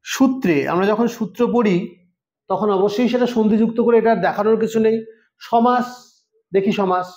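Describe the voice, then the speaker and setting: Teaching Sanskrit online for exam preparation, a male teacher with a high, darkish voice talks at a moderate pace in an echoey room. He breaks everything into steps and often pauses to confirm his students understand.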